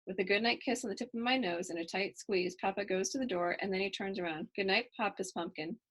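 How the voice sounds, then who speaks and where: A woman reads a children's picture book expressively, adding chatty asides to the young listeners. Her medium-pitched voice keeps a steady tone as she talks fast, and the recording quality is low.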